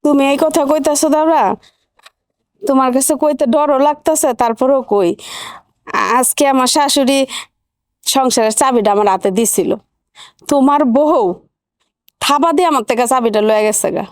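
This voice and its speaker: An actress playing a cautious, worried elder daughter-in-law who speaks hesitantly. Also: female voice, sits high, moderate pace, pauses often, no echo, studio quality, close to an everyday voice. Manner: hesitant, pleading. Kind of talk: TV drama acting.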